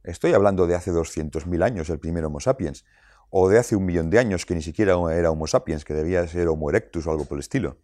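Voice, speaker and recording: A man explaining child rearing to parents in a lively way, asking rhetorical questions and acting out quotes. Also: low voice, fast talker, dry recording.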